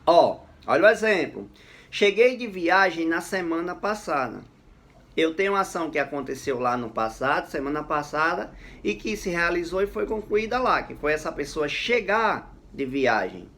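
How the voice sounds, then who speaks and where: A male teacher explains grammar in a video lesson. His voice sits a little high. He talks in a lively, emphatic way and keeps checking in with his students. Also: normal speed.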